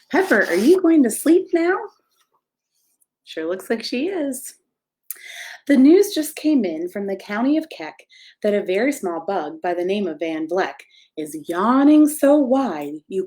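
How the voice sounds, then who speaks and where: A woman pastor reads a rhyming picture book at bedtime in a mid-range, slightly mellow voice that is very animated yet unhurried, with long pauses. Expressive and playful, she speaks to the children directly and asks them questions along the way.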